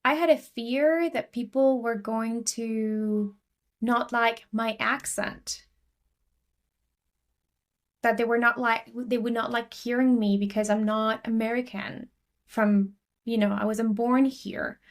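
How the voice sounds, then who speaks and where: An Argentinian woman with an Argentinian accent chats casually as a podcast guest in an interview, using many fillers and restarts. Her voice is fairly high, with fairly even intonation, and she speaks slowly.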